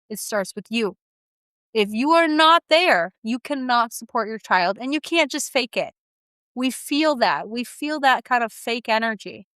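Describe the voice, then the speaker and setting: A woman's voice: fairly high pitch, no echo. A woman feeding therapist giving encouraging, practical advice to parents in a solo talk. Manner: warm, encouraging, animated teaching.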